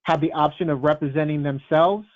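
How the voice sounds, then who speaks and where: A man's voice: fairly high pitch, fairly even intonation, a little fast. Hesitant man on a muffled call. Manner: hesitant, many ums. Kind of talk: virtual board meeting discussion. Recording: muffled video call audio.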